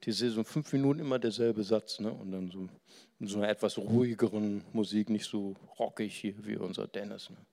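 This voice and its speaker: Gravelly guy preaching, tells his story, goes from whisper-soft to loud, asks the crowd stuff. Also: fairly low pitch, a little fast. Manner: swings between soft near-whispers and loud, animated telling; conversational, asks the listeners questions. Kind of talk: storytelling sermon.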